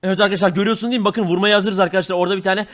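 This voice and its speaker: A young man hosting excited gameplay commentary, rapid and excitable, constantly addressing viewers. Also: sits high. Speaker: channel host.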